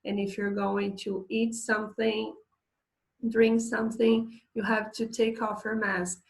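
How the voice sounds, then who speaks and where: A woman teaching an English lesson in a casual, hesitant way, filling pauses and laughing now and then while she describes pictures. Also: medium pitch, flat delivery, gravelly. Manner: slow, hesitant, many fillers, laughs often.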